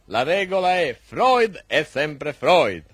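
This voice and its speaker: A pompous, gloomy professor giving a nonsensical lecture in a radio comedy sketch. His voice sits fairly high for a man and is husky, recorded close and dry. He speaks in solemn, garbled pseudo-scholarly phrases. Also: expressive, unhurried, a bit bright, no room sound, exaggerated voice. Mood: solemnly lecturing. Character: gloomy pompous pseudo-academic male professor, absurdly muddled.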